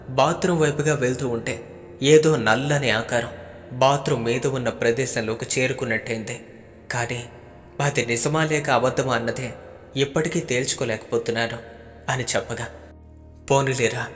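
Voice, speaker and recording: A man narrating a first-person horror story in a steady storytelling voice. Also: mid-range voice, normal speed, big-room sound, faint music behind.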